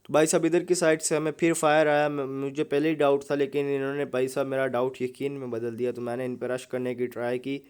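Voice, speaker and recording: A man's voice: mid-range voice, little pitch movement, brisk, hardly any pauses, a little mellow, smooth. Chatty young man joking through gameplay. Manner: joking, chatty, keeps saying "bhai sahab". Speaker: gaming YouTuber. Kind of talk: casual gameplay commentary.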